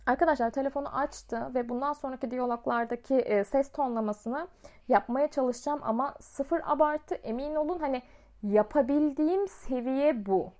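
Brief: high-pitched woman, a teacher, chatty and self-mocking as she tells a story. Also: moderate pace, darkish tone. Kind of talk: casual storytime vlog.

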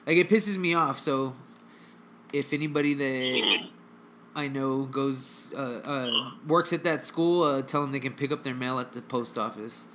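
A man's voice: medium pitch, a little slow, fairly bright tone, slight background noise. A man co-hosting a casual podcast, rambling and swearing offhandedly with frequent restarts. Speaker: podcast co-host. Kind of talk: casual chat.

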